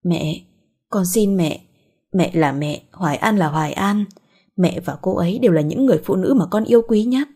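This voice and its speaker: Woman doing a sorry young guy, humble, husky soft voice. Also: on the low side, normal speed. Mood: apologetic. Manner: apologetic. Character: young man, guilty, humble son.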